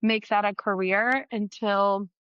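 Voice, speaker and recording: A woman's voice: medium pitch, steady tone, slow, fairly bright tone, clear, resonant tone, no echo, muffled recording. A young woman from Argentina, a guest musician telling her story in a chatty, playful way over a video call. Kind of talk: casual interview chat.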